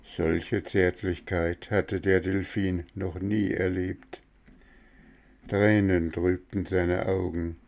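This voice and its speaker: A man reads a fairy tale aloud very slowly and deliberately. His voice is low and gravelly. He paces every sentence with care. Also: little pitch movement, darkish tone. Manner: slow, deliberate narration. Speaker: storyteller.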